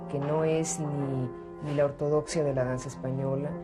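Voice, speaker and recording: A woman's voice: sits low, little pitch movement, normal speed. A Mexican woman, a dancer and choreographer, speaking thoughtfully in an interview, often restarting as she searches for words. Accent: Mexican Spanish. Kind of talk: reflective interview answer. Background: loud music.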